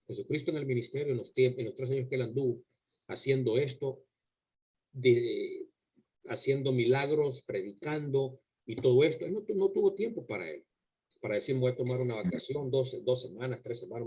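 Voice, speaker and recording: A male preacher with a husky, slightly breathy voice at an ordinary middle pitch. He delivers an emphatic sermon to a congregation, firing rhetorical questions at them and repeating words as he restarts. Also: rough recording. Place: church service before a congregation.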